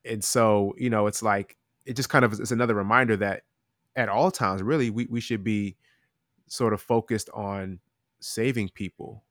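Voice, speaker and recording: A man talking earnestly about end times in a casual Bible chat, halting with many restarts. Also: lowish voice, fairly even intonation, a bit bright, dry recording, studio quality.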